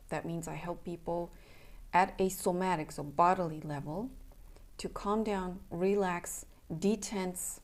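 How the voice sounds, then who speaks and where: A young Romanian woman, a native Romanian speaker, makes a casual announcement as a somatic coach. Her voice sits on the low side and is a little mellow, and she speaks in an earnest, plainspoken way, checking in with "okay?"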